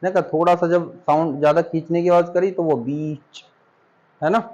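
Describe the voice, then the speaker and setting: A middle-aged male teacher from India leads a spoken English class. His voice sits a little higher than most men's. He explains patiently and draws out each example word so his students can follow. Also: steady tone, darkish tone, dull audio. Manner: patient, drawn-out example words, calls students "beta".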